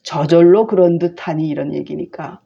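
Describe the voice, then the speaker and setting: A woman lecturing on a classical text, explaining slowly and chattily with many fillers. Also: low voice, steady tone, creaky, slightly rough, highs cut off.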